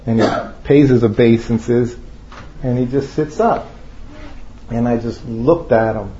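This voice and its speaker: A man's voice: medium pitch, unhurried, warm tone, reverberant, muffled recording, a little hiss or hum. A man casually telling a long personal story to a group, rambling and laughing often as he goes. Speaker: storyteller recounting memories. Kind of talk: casual anecdote told to a group.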